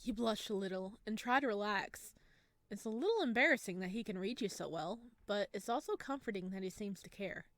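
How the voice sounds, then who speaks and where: Expressive and a bit quick, a woman with a medium-pitched voice plays a horror visual novel on a dry recording. She reads out its second-person narration and adds commentary aimed at the people watching.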